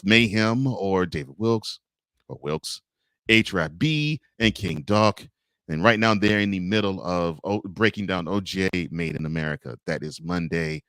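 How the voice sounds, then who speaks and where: A man with a low, deep voice hosts a casual live morning show and reads viewer comments aloud. He is chatty and laughs often, and the sound is dry with little room echo. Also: a bit bright. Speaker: host of a morning variety show.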